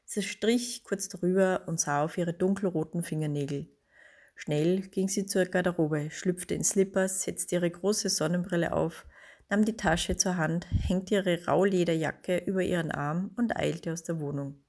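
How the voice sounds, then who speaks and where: Calm woman narrator. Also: on the low side. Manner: calm, measured reading. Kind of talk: scripted audiobook narration.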